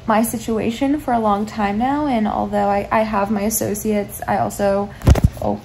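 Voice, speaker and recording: A vlogger in her twenties lies in bed, chatting into a phone camera held at arm's length about her life. The casual, confessional talk is soft-spoken, reflective and meandering, in a mid-range voice with vocal fry, fairly even intonation and a moderate pace over a noisy background.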